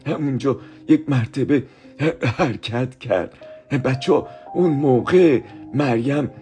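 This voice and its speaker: A man's voice: mid-range voice, dark tone, soft background music. A man telling a Bible story to children, explaining each verse again in simple words and often turning to the children with asides.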